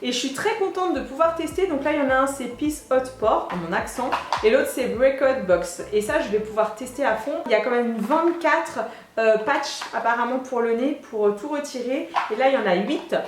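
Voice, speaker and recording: A young woman beauty vlogger chatting excitedly through a product unboxing, with lots of hesitations. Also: sits high, normal speed, background noise. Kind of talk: casual product unboxing chat. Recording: echoey room.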